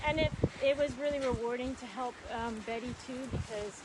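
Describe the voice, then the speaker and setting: A woman chatting casually as she guides a walking tour outdoors, telling stories in an animated way and acting out reactions. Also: fairly high pitch, fairly quick. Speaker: sanctuary founder and tour guide. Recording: noisy outdoor recording, clicks and footsteps.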